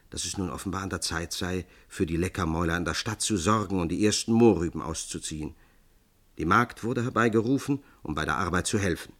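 A man reading a classic fairy tale aloud in measured scripted narration. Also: sits low, fairly bright tone. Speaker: audiobook narrator.

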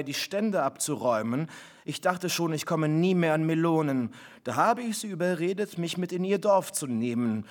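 A man's voice: on the high side, natural voice. A man reading the part of a cheerful, defiant father who sounds breezy and amused.

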